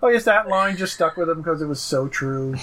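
A man co-hosting a podcast in casual chat, talking in a lively way and often restarting his words. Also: a little high, fairly quick. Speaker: podcast co-host.

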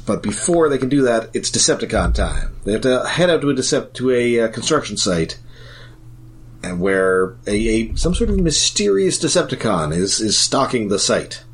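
A man co-hosting a podcast, recapping a cartoon episode in a relaxed way with fillers and restarts. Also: mid-range voice, normal speed, rough recording. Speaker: podcast co-host.

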